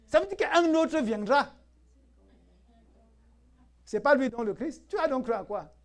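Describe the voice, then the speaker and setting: Delivering a church sermon in a very high-pitched, unhurried voice, a male pastor keeps things energetic and emphatic. He laughs frequently and fires rhetorical questions at his congregation.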